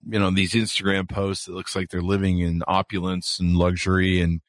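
Recorded dry, a man with a low, level voice speaks briskly as he hosts a podcast. The casual interview chat, which includes an ad read, finds him rambling and chatty, with plenty of asides and frequent "you know" fillers.

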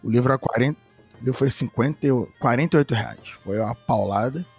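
Husky Brazilian man in his thirties. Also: medium pitch, fast talker, faint music behind. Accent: Brazilian Portuguese. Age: 30s. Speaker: podcast guest. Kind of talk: casual storytelling chat.

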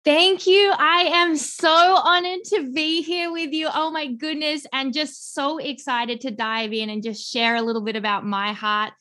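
A woman in her thirties with an Australian accent, from Melbourne, talking as a guest on a podcast in an effusive, animated way. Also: high-pitched, a little slow, few pauses. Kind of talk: podcast interview conversation.

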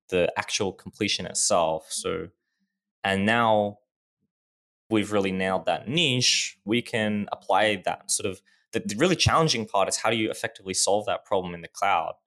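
A man's voice: sits low, fairly bright tone. A man in his twenties, a startup founder guest in a casual podcast interview, explaining his work with frequent restarts and fillers. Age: 20s.

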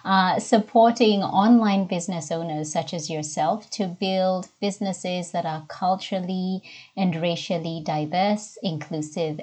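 Low-pitched Kenyan-accented woman, measured and reflective. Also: a little mellow. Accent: Kenyan, softened by years in Australia. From Nairobi, Kenya. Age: middle-aged. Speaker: interview guest, diversity and inclusion coach. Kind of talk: conversational interview answers, personal story.

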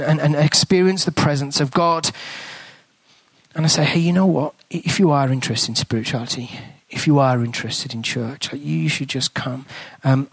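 In a rough recording without echo, a medium-pitched man with an English accent gives a sermon as guest speaker. He tells a story chattily and conversationally, dropping to a hushed whisper when he turns to prayer.

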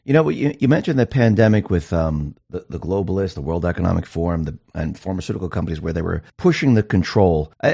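A man's voice: on the low side, gravelly, darkish tone, breathy edge. A man hosting a casual political conversation, making his points in emphatic, repetitive short statements. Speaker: interview host.

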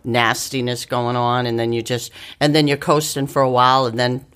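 A middle-aged woman telling her story in casual chat, candid, with quick asides and frequent laughter. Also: rumbling low, flat delivery, fairly bright tone, clean tone. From Italian-American family, northeastern US. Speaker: podcast guest.

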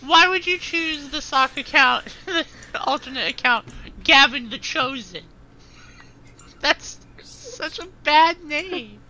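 Bright high-voiced goofy woman. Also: slow, a little hiss or hum, low-quality recording. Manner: playful, goofy, teasing. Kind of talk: comedic podcast banter.

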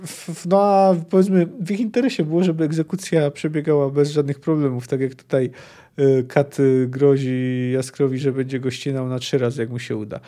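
A man hosting a book podcast who talks in a hesitant, digressive way, filling his pauses with many "e" sounds. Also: medium pitch, flat delivery, warm tone. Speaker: podcast host.

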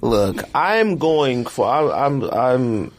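An American man hosts a casual sports and sneaker podcast, talking bluntly in slang and repeating himself for emphasis. His mid-range voice swings widely in pitch, and he speaks very slowly.

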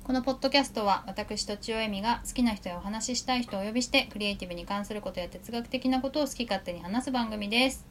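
A woman's voice: fairly high pitch, a little hiss or hum. A woman hosting a podcast, chatting casually with a guest and agreeing often. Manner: chatty, quick, frequent agreeing interjections. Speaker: podcast host.

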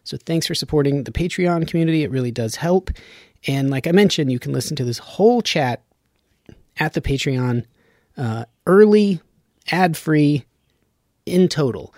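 A man's voice: a little high, lively intonation, normal speed, pauses often, darkish tone, no room sound. A man hosting a podcast in a studio, talking in a casual, rambling way and laughing often. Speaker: podcast host.

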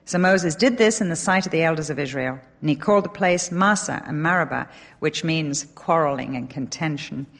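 A middle-aged woman from England with an English accent, giving an animated, emphatic Bible teaching talk with a touch of self-deprecating humor. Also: low-pitched, normal speed. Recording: long hall reverb.

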